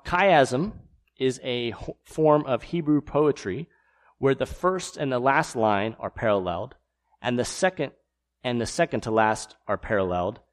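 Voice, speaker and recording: A man teaching a Bible passage in a sermon, explaining verses and reading them aloud with fillers between thoughts. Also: medium pitch.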